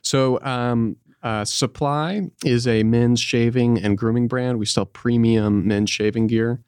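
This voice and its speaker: A man talking casually and somewhat haltingly as a podcast guest, often correcting himself. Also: mid-range voice, steady tone, a little mellow, clean tone, dry recording, clean studio sound. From Texas, United States. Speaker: podcast guest, small business founder. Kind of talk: casual interview talk.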